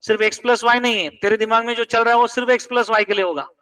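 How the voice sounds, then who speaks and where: A man's voice: very high voice, steady tone, racing, pushed and bright, clear, resonant tone, recorded from a distance, rough recording. A man teaching math in a classroom, quizzing students and pressing them to check each step. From India.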